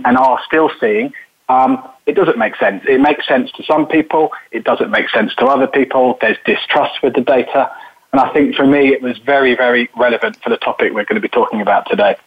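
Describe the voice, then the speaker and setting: Male guest, hesitant, um-heavy, mid pitch, dull lo-fi audio. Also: slightly rough. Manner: hesitant, many ums. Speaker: panel guest. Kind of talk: casual interview answers. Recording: dull phone-like line.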